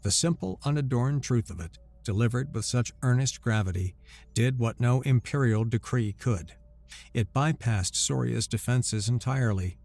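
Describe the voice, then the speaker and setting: A man narrating a scripted sci-fi romance story in a steady storytelling voice. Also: mid-range voice, normal speed, creaky. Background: faint music.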